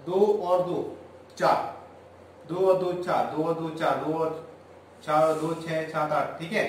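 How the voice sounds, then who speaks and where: A man's voice: high-pitched, slight background noise. A man teaching a chemistry class as a lecture. He counts aloud and asks the class questions, then answers them himself. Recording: very echoey room, voice far from the mic.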